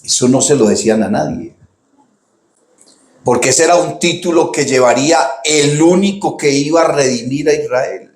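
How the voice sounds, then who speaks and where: A male pastor with a Colombian accent delivers a conversational sermon in a middle-pitched voice. He keeps asking "¿cierto?", calls listeners "hermano", and jumps high and loud when he acts out quoted cries. The roomy recording gives his voice a clear echo. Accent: Colombian Spanish. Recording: roomy, echoey sound.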